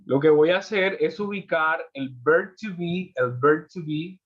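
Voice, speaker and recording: A man's voice: a little high, a little slow. A man teaching an English class in Spanish, explaining rules step by step and checking in with his students after each point. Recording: muffled lo-fi audio.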